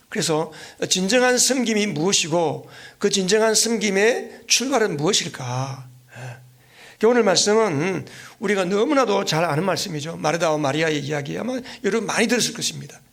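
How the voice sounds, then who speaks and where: A man with a notably high voice delivers an evening worship sermon as a visiting pastor. He tells the story in a lively, vivid way and keeps asking the congregation rhetorical questions. Short thinking fillers break up his phrases. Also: moderate pace, gravelly. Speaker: guest pastor.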